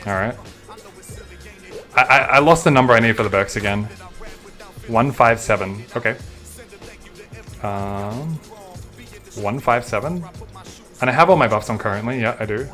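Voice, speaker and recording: A man's voice: mid-range voice, normal speed, long pauses, pushed and bright, faint music behind. Laid-back Australian man streaming a game. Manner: chatty, laid-back, swears casually. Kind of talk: casual gameplay commentary, answering chat.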